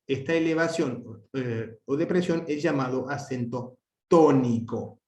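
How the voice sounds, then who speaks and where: A man's voice: mid-range voice, darkish tone. Hesitant man teaching, echoey room. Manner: hesitant, many restarts and fillers; drawn-out example words. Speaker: language teacher. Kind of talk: explanatory lecture.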